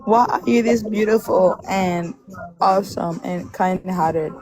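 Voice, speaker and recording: A woman's voice: mid-range voice, slow pace. A woman joining a live stream as a guest, talking in a gushing, effusive way. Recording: live-stream call with loud music behind.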